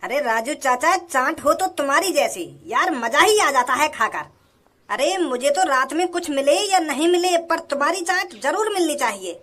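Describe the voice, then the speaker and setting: A woman's voice: high voice, lively intonation, normal speed, fairly bright tone. A woman voicing a cheerful male customer in a cartoon who gushes with praise for the food. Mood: gushing. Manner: gushing praise. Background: music.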